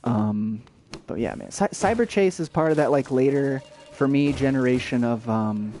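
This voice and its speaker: A young man chats loosely over his game stream, stopping and restarting his sentences. His voice sits in a mellow, warm register. Faint noise sits under the talk. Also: mid-range voice, expressive, normal speed. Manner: rambling, many fillers and restarts. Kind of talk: casual let's-play chat.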